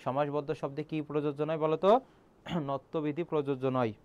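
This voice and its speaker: A man's voice: on the high side, fairly even intonation, quick pace, a little mellow, lo-fi sound. Man teaching a live exam-prep class. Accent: Bangladeshi Bengali. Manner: explains step by step, quizzes students with questions; frequent throat clearing. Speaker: senior teacher. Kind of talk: online admission-prep class.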